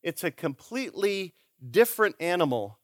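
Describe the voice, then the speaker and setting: A male preacher delivering a sermon in a seminary chapel. His voice sits a bit high, and he presses his points with emphatic, forceful exhortation. The recording is dry and close, with little room sound. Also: big pitch swings, moderate pace, dry recording.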